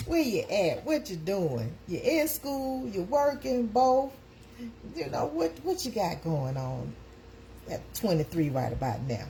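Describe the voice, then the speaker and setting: A woman's voice: mid-range voice, very animated, slow, gravelly, slight background noise. A woman, hosting a casual live chat and calling out to her viewers. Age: 50s. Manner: chatty, calls out to viewers. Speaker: live stream host.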